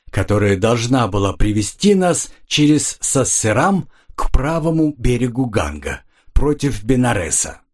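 Male audiobook narrator, husky, animated intonation, steady expressive delivery. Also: mid-range voice. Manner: measured, expressive reading. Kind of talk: scripted narration.

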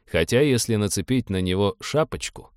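A man narrating an audiobook in steady, even storytelling. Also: on the low side, moderate pace, smooth, dry recording, studio quality.

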